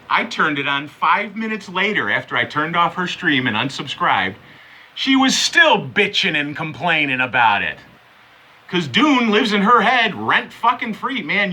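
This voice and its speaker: A man's voice: medium pitch, pushed and bright, slight background noise, poor audio. A man ranting angrily into the camera, sarcastic, confrontational and full of swearing. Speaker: vlogger. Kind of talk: angry rant to camera.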